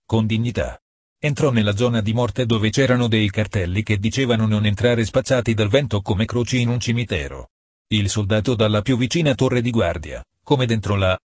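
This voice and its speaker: A man narrating a first-person prison story in a measured, somber reading. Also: fairly low pitch, no echo, studio quality. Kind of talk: scripted narration.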